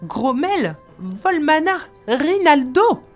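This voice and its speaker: A woman's voice: expressive, a little slow, soft background music. A woman playing a fussy, panicky old counselor. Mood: panicked. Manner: shrill, fretful exclamations. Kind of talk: audiobook character voice.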